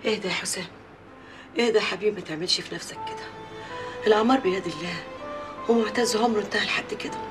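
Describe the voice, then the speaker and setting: A woman's voice: medium pitch, very fast, long pauses, close to an everyday voice. An actress playing a pious mother consoling her son, speaking with an Egyptian Arabic accent in a soothing, pleading manner. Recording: TV drama audio with music score.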